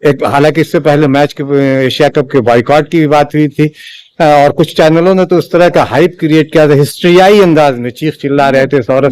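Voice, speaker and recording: A man giving a spoken opinion commentary in a measured, halting way, with frequent restarts and fillers. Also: on the high side, darkish tone, no room sound. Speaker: political commentator.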